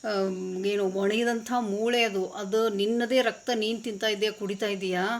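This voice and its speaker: A woman's voice: mid-range voice, steady tone, unhurried, close to an everyday voice. A woman voicing a street dog that bluntly questions another dog. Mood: scolding.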